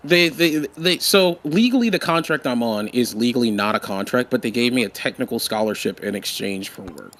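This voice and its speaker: Expressive and fairly bright, this medium-pitched voice belongs to a twenty-something streamer host from Maryland, USA, who talks a little fast with few pauses. He muses aloud casually, wandering in thought and going over the same points while he sets things up.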